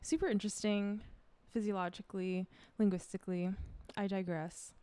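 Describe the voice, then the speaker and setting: A woman's voice: medium pitch, fairly even intonation, normal speed, mellow, smooth, no room sound. A young woman chatting casually while she works, rambling off on tangents and switching between English and Spanish as a learner. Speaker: vlogger preparing DJ sets. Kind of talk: casual chat while working.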